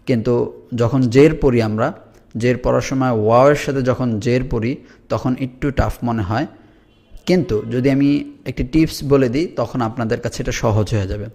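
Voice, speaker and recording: A man teaching Quran reading, drilling each Arabic letter with its vowel sign, slowly and deliberately. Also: mid-range voice, darkish tone. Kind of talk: letter-by-letter recitation lesson.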